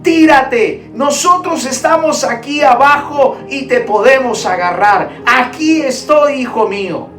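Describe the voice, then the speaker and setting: A woman voicing a father who calls up to his trapped son with calm, insistent reassurance. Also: high-pitched, slow pace, few pauses. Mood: urgent reassuring. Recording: roomy echo, distant mic, soft music.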